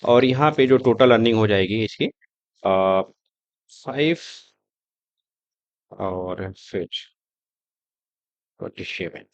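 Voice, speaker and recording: A man teaching a screen-recorded coding lesson, talking step by step in a relaxed, conversational way as he types and shows results. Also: fairly low pitch, slow, long pauses, no echo, highs cut off. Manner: conversational, explaining step by step while typing. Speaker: coding tutor.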